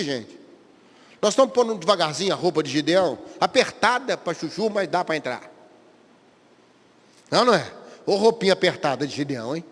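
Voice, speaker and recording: Brazilian man, pastor, dramatic sermon, high voice, long hall reverb. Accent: Brazilian Portuguese. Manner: dramatic, acts out prayers and God's replies with big swings in loudness.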